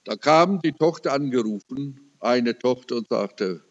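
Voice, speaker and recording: A man's voice: mid-range voice, expressive, measured pace. An older man preaching a sermon, telling a personal story with emotional, dramatic swings. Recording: reverberant hall, dull lo-fi sound.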